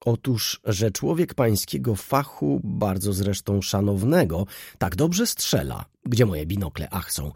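A man reading an audiobook, voicing a vain, flustered baron who talks in a shrill, blustering way. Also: creaky, darkish tone, husky, no echo, studio quality, full character voice. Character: flustered vain middle-aged male baron, shrill when hurt.

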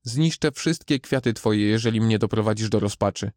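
A man's voice: lowish voice, normal speed, darkish tone, no room sound, clean studio sound, lightly acted. A man voicing a grieving young mother who pleads with Death in a raised voice, reading a storybook aloud. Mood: pleading.

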